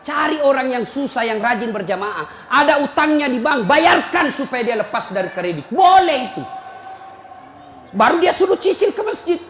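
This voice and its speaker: A man preaching a humorous sermon, teasing and scolding his listeners and often breaking into shouts. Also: very high-pitched, lively intonation, normal speed. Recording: echoey hall, faint crowd and noise.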